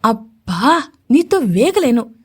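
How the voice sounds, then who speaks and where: A woman's voice: a little high, very animated, takes it slowly, darkish tone, husky, heavily acted. A woman voicing a shy young woman in love, coy and a little whiny as she protests.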